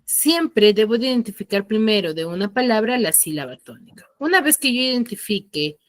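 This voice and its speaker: A woman teaching an online class, asking her students question after question and explaining slowly with emphasis. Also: mid-range voice, big pitch swings, no room sound.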